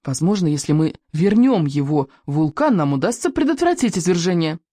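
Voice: medium pitch, big pitch swings, brisk, mellow, no room sound, clean studio sound. A reader voicing a worried, earnest young Viking boy who pleads urgently.

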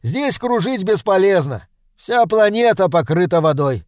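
A man voicing a bold boy starship captain who talks loud and boastful, giving commands. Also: high-pitched, sing-song, measured pace, no echo, studio quality, pitched above the performer's own voice. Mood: commanding.

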